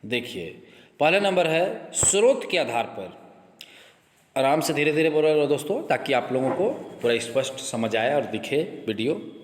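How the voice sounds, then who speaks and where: A man teaching a grammar lesson, repeating each point slowly and urging viewers to look carefully. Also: on the high side, sing-song. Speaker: exam coaching teacher. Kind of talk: grammar lesson explaining slides. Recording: echoey room with long reverb.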